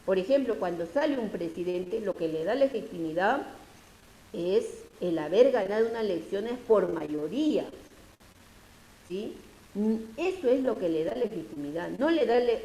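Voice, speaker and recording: A woman's voice: medium pitch, mellow, echoey room, slight background noise, low-quality recording. A woman teacher with a Peruvian Spanish accent, lecturing her class over a video call and explaining step by step with many tag questions.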